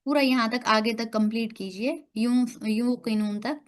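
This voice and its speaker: A woman's voice: fairly high pitch, steady tone, normal speed. A woman with an Urdu accent teaching an online class over a video call, patiently correcting her students' pronunciation point by point. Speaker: online Quran recitation teacher.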